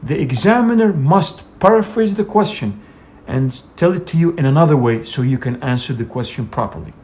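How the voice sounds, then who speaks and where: A man's voice: a little high, animated, brisk, darkish tone. A man teaching an English speaking exam lesson, talking in an emphatic, direct coaching manner with frequent "you know" fillers. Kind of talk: instructional video lesson.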